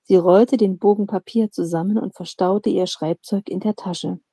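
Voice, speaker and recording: Calm woman reading a fantasy audiobook. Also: medium pitch, moderate pace, dry recording. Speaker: narrator.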